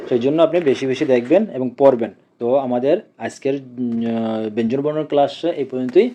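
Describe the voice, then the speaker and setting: A man teaching a language lesson, slowly repeating each letter's sound several times. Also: mid-range voice, warm tone. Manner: slow, drawn-out repetition of each letter's sound. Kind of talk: Korean lesson taught in Bengali. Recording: dull lo-fi home recording.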